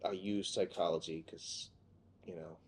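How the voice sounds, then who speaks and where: A man's voice: low-pitched, fairly even intonation, a little slow, a little mellow. A young man hosting a casual interview podcast, chatty and teasing, with many fillers. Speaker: podcast host. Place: in a theater building.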